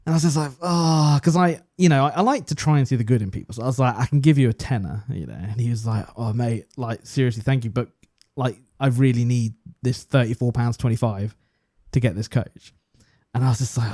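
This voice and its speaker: Young English man, podcast co-host, mellow dark tone, dry close mic, chatty storytelling. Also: medium pitch, fast, no echo. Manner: chatty, self-deprecating, acts out both sides of a conversation. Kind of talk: casual storytelling.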